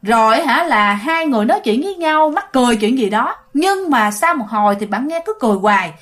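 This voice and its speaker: A woman narrates ghost stories in a casual, chatty way. Her voice sits a bit high, and she keeps addressing her listeners directly. The delivery is expressive. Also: fairly quick.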